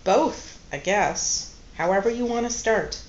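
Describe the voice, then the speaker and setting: A woman reading aloud as a soft-spoken, hesitant man who chooses his words with care. The storybook delivery is slow and unhurried, in a roomy, slightly dull recording. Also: medium pitch, animated, a little hiss or hum, natural voice. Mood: gentle, hesitant. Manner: soft, careful, lightly spoken. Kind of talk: audiobook-style read-aloud dialogue.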